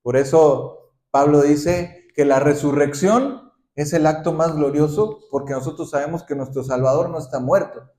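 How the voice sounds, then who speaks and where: Dark-voiced man preaching in echoing hall. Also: on the high side, moderate pace. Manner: asks the congregation questions, ends points with "¿sí?". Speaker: pastor. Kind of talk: sermon.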